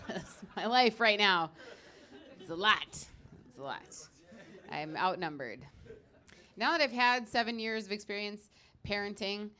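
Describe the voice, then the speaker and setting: A woman in her thirties doing a stand-up comedy set on a club stage, with a brash, profane, tired deadpan delivery. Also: medium pitch, slow, pauses often.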